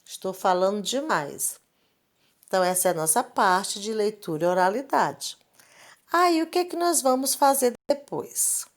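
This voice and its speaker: Woman teacher, unhurried screen-recorded lesson, repeats each point patiently, mid-pitched voice. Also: lively intonation. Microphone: screen recording, device mic.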